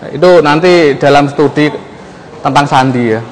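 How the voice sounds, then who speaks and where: Male lecturer, slightly high voice, unhurried and halting, quizzing students, long hall reverb. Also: slight background noise. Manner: slow, halting, quizzes the audience often. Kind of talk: classroom lesson on Old Javanese script. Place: museum lecture room.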